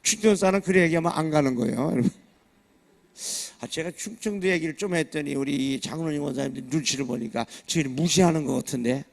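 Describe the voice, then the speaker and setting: An older Korean pastor with a Chungcheong accent delivers a humorous, story-driven sermon. His voice sits a bit high and carries a gravelly fry. He often breaks off to address the congregation directly. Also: quick pace. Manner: storytelling with laughs and lively asides to the congregation.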